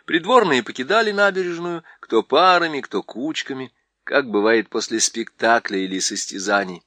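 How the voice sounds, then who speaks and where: A man narrating an audiobook in a measured, expressive storytelling manner. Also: mid-range voice, no echo. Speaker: audiobook reader.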